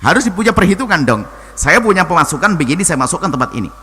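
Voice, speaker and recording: A man preaching and answering a listener's question, talking in an animated way that swings from low and soft to high exclamations. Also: quick pace, slightly rough. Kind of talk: sermon. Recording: long hall reverb, faint noise.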